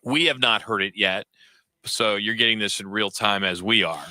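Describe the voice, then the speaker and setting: A man co-hosting sports talk radio, calmly teeing up audio clips with a wry tone. His voice sits low but has a very bright, tense edge. He is recorded close in a dry studio. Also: normal speed, dry recording. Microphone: studio microphone.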